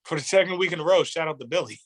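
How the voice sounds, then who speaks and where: A man's voice: on the high side, rapid-fire. Laid-back, slangy man on a podcast. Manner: relaxed, slangy, storytelling. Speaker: podcast co-host. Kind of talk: casual comedic chat.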